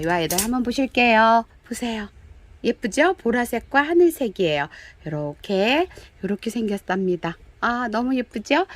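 Gushing woman showing off flowerpots. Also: a little high. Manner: gushing, chatty, calls pots "kids". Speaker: pottery shop seller. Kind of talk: product showcase video. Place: indoors, dim room with lights off.

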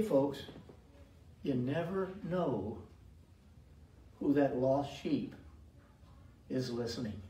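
Preaching emphatically as pastor, an older man with a medium-pitched, mellow voice repeatedly appeals to his congregation in the church sanctuary. There's a little hiss or hum, and the distant mic gives a roomy echo.

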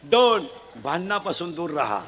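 A man preaching a comic devotional sermon, loud and joking, quizzing the audience with blunt, earthy village humour. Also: on the high side, big pitch swings, normal speed. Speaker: kirtan preacher.

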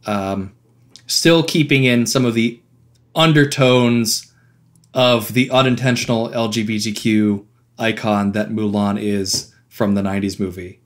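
A man's voice: on the low side, steady tone, unhurried. A man co-hosting a podcast, chatting casually in a wry, opinionated way with laughing asides. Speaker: podcast co-host. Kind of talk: casual chat.

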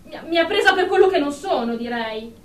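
A woman performs a haughty, easily offended office lady in therapy for an Italian radio drama, using a high voice with lively intonation at a fairly quick pace. She comes across as indignant, clipped, superior and formal, captured in an echoey room on a distant mic with background noise.

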